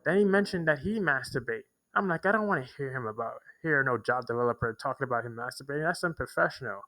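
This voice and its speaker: A man's voice: medium pitch, lively intonation, fast, bright, forceful tone, rough recording. A young man telling a long, rambling personal story to the camera, full of restarts and repeated words. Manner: rambling, repetitive, with many restarts and fillers. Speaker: vlogger. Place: homeless shelter in a big city.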